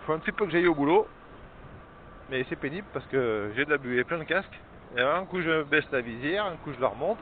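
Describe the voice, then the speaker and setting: A man who works as a crane operator, chatting casually and haltingly from inside a motorbike helmet while out riding. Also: on the high side, animated, phone-quality sound, a little hiss or hum. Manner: chatty, halting, many fillers. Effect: talking inside a motorbike helmet. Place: outdoors on a small motorbike.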